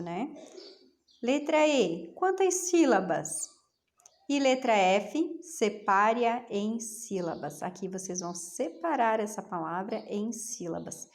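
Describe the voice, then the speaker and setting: A middle-aged woman teacher from Brazil, patiently explaining homework to young pupils and asking them questions to coax answers. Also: medium pitch. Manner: patient, coaxing, asks rhetorical questions. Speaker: schoolteacher.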